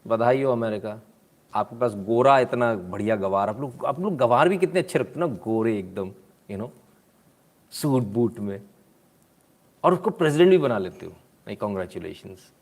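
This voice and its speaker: Male commentator, casual and sarcastic, mocking asides, throat clearing, close-mic chat. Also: mid-range voice, expressive, normal speed, long pauses, a little mellow. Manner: frequent throat clearing and "hmm?". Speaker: political commentary host.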